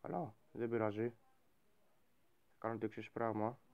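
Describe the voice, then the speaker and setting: A man playing a game and role-playing a bossy pirate captain who shouts orders at his crew. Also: on the low side, level tone, narrow, tinny audio. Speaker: gaming YouTuber. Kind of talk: Minecraft role-play commentary.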